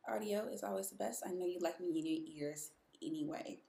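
A woman's voice: fairly low pitch, a little fast, gravelly, mellow. Woman, podcast host, chatty, emphatic, casual introduction style, echoing reverberant room. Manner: chatty, emphatic, addressing listeners directly.

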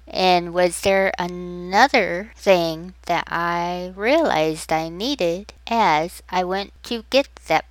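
A woman's voice: lowish voice, dry recording, low-quality recording. A woman hosting a solo podcast, talking upbeat and chatty straight to the listener. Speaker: podcast host. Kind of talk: solo podcast talk on positivity.

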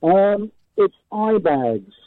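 A man's voice: high voice, very animated, very slow, no room sound. Man on a hollow, down-a-well phone line. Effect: muffled, hollow phone line, as if down a well. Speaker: caller, coach driver. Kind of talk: casual phone-in chat. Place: inside a parked coach. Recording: tinny phone line into a radio studio.

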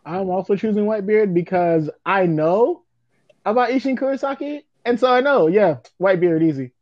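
A man's voice: sits high, normal speed, dry recording, muffled recording. A young man chatting casually with friends, repeating himself and leaning on "like". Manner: repetitive, filler-heavy casual phrasing with lots of "like". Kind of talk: casual chat among friends.

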